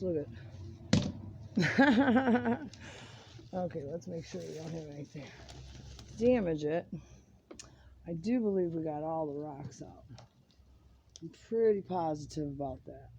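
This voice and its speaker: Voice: mid-range voice, darkish tone. A home gardening vlogger giving a casual hands-on demonstration, chatty and rambling as they work, filmed partly outdoors on a handheld phone. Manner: chatty and rambling, talks while working. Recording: noisy home video with handling clicks.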